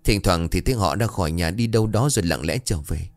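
A man's voice: deep voice, fast, dry recording. A man voicing a caring, talkative older wife who frets over her husband. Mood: hushed.

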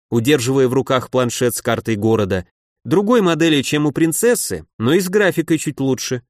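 A man's voice: fairly high pitch, no room sound. Man narrating an audiobook, dry and close. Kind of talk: first-person audiobook narration.

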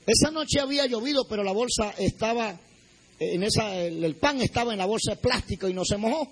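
A man recounts his survival in an earnest testimony, speaking straight to his listeners. His voice sits unusually high and comes out husky and breathy. He acts out his own past words as he tells it. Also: expressive, brisk, low-quality recording. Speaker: plane crash survivor giving testimony. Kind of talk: spoken personal testimony.

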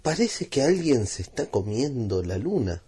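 A man voicing an excitable young male foal in a storybook tale, with high, loud exclamations. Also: a little slow, husky, heavily acted. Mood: excited.

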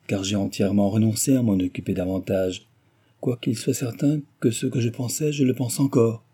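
A man's voice: lowish voice, mellow, husky. A man voicing a garrulous, complaining middle-aged mother in a novel reading. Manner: rambling, complaining.

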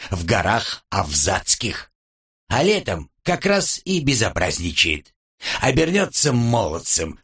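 A fussy old house spirit voiced by a man grumbles in folksy storybook fashion. The voice sits low and husky, with a lively rise and fall. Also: exaggerated voice. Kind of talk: audiobook character reading.

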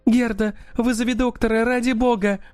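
A man's voice: extremely high pitch, flat delivery, moderate pace, a little mellow, dry recording, soft background music, voice pushed up. A man voicing a panicking young woman who cries out shrilly and frantically. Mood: frightened.

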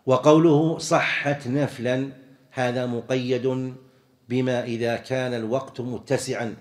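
A man's voice: mid-range voice, a little mellow. A man teaching a religious jurisprudence lesson, explaining step by step, repeating key terms and quizzing his students.

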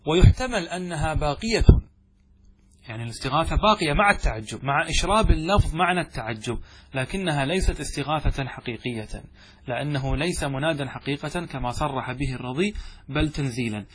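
A man's voice: on the high side, lively intonation, fairly bright tone, husky. A man teaching a classical Arabic grammar text, reading lines aloud and explaining them, often asking questions and answering them himself. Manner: slows and stretches example phrases.

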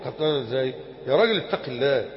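A man with an Egyptian accent teaching a colloquial religious lesson, animated and full of rhetorical questions to his listeners. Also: medium pitch, racing. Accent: Egyptian Arabic. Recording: echoey hall, dull lo-fi.

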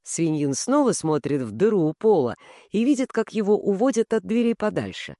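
A man narrating an audiobook with a lively, rising and falling voice. He tells the story in plain, engaged reading. The recording is dry, with no room sound. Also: sits high, moderate pace, no echo. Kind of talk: scripted narration.

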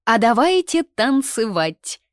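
A woman's voice: on the low side, sing-song, unhurried, no room sound, clean studio sound. A woman voicing a tipsy, impulsive young woman at a party. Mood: exuberant. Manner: exuberant, impulsive.

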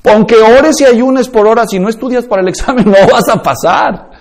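A man's voice: extremely high pitch, moderate pace, a little mellow. A man teaching a course on preaching, emphatic and full of rhetorical questions. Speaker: preaching instructor.

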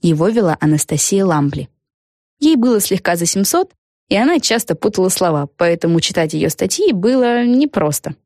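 A woman reads a children's story aloud in a lively, expressive way. Her voice sits low and she is recorded dry and close. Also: moderate pace, no echo. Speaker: audiobook narrator. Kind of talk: scripted storybook narration.

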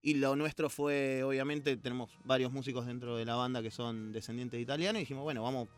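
A man's voice: mid-range voice, fairly even intonation, fast, clean tone. A man with a Rioplatense Spanish accent, a guest musician telling stories about his band in a casual interview, with joking asides. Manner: storytelling, jokey asides.

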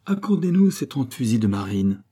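A man's voice: medium pitch, animated, moderate pace, mellow, breathy edge, voice pushed up. A man voicing a wheedling young villager. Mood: pleading. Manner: wheedling, mock-polite. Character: naive, sly young village man, pleading.

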